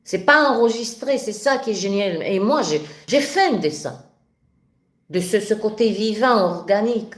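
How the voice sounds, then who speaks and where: A French woman with a regional accent hosts a spiritual live stream and talks with fervent passion. She speaks slowly and spontaneously, often restarting her phrases. Her voice carries a roomy echo. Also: mid-range voice. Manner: passionate, animated, with many restarts. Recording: echoey room.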